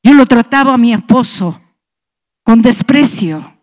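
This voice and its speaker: A woman's voice: fairly high pitch, lively intonation, a little slow, a little mellow. Impassioned Peruvian woman giving church testimony. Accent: Peruvian Spanish. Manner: impassioned, storytelling with rising emotion. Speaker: pastor's wife giving testimony.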